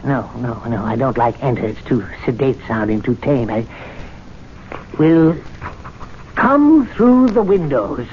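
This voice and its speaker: An actor playing Timothy, a meek club attendant who schemes aloud and is easily excited, in a 1970s radio drama. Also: male voice, medium pitch, slow, long pauses. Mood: scheming. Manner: excitable, muttering, plotting aloud. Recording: dull old radio broadcast, faint hiss.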